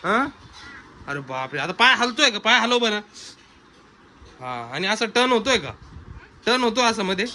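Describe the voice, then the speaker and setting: A man's voice: very high-pitched, normal speed, long pauses, bright, forceful tone. A man chatting in a casual family vlog, often exclaiming, questioning children and turning to tell his viewers what happened. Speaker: vlogger. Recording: noisy background with ambient sound.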